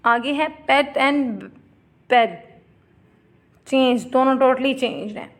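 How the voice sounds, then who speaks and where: A woman with a high-sitting voice gives a lecture to students she addresses as "beta." She explains terms in Hindi-Urdu and reads the definitions out slowly.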